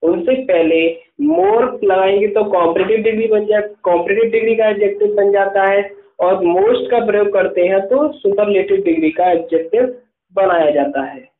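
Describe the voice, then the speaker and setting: A man's voice: high-pitched, expressive. A man teaching an English grammar lesson, patiently dictating notes and checking in with "okay" as he goes. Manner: patient, repeats "ठीक है" and dictates slowly. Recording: echoey room over tinny phone-like line.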